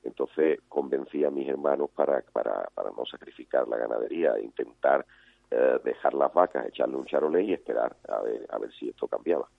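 A man's voice: a bass voice, a little fast, gravelly, husky, no room sound. A man, a cattle breeder answering interview questions hesitantly, often repeating words. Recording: dry, phone-like line.

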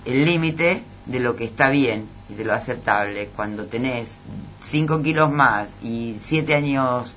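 A man's voice: mid-range voice, a little slow, a bit bright, a little hiss or hum. Rioplatense male radio host, conversational. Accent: Rioplatense Spanish. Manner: conversational, agreeing, brief interjections. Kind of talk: radio interview.

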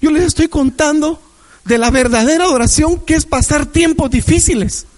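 A man's voice: very high voice, normal speed, darkish tone, low-quality recording. A man preaching a Sunday sermon in a church, sharing a personal testimony with emphatic repetition.

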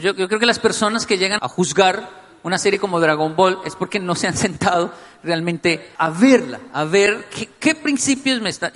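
High-voiced joking man in a hall. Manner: playful, joking, animated storytelling. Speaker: speaker addressing an audience. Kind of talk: humorous talk to a live audience.

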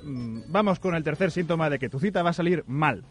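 A man presenting his own segment on a comedy radio show, deadpan and mock-complaining. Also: on the high side, a little fast, slightly rough, no room sound, soft background music.

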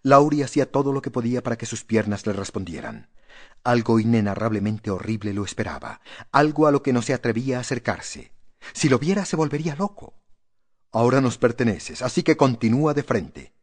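A man narrating a horror audiobook in a steady, measured reading voice. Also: mid-range voice.

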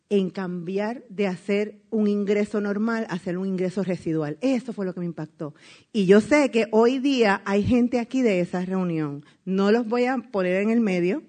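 A woman's voice: medium pitch, moderate pace. A middle-aged woman with a Puerto Rican accent, giving a motivational testimony talk as a network marketing speaker, acting out dialogue and laughing often. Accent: Puerto Rican Spanish. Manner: lively storyteller, acts out dialogue, laughs often.

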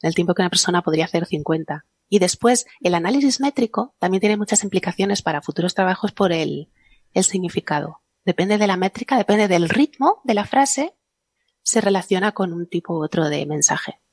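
A woman's voice: fairly low pitch, lively intonation, brisk, darkish tone, breathy edge, dry recording. A woman guest on a science podcast panel, explaining her research casually, laughing often and restarting her sentences.

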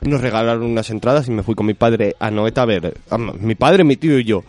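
A man's voice: medium pitch, fast talker, darkish tone. Rambling young man on the radio. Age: 20s. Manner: rambling, joking, lists dates and scores. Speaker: guest, rugby fan. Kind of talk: casual radio interview.

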